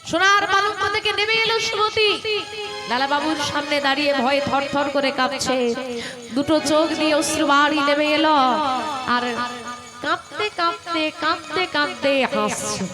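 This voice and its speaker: A woman's voice: sits high, a little fast. A woman kirtan singer narrating a devotional story in a dramatic, emotional way. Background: tabla and devotional music.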